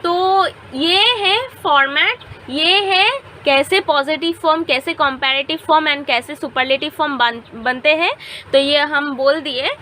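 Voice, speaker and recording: High bright teacher voice. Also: female voice, unhurried, a little hiss or hum. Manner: mixes Hindi and English, repeats "theek hai" as a check. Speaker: English teacher. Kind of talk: classroom lesson explaining grammar.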